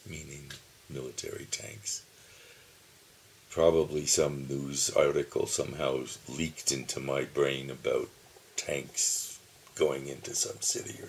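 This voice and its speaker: A man in his seventies sits at his home computer, recording a video diary on its camera mic as he slowly reminisces about his childhood. His very deep, gravelly voice, which he himself calls dull, is broken by pauses and soft chuckles. A little hiss or hum is audible.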